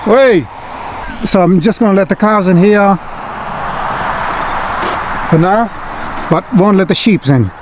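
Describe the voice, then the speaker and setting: A man talks casually to his vlog viewers in a fairly high voice. He breaks into short calls to animals. The recording is outdoors, with clear farm noise around him. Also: slow, long pauses. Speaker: farm vlogger. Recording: noisy outdoor farm ambience.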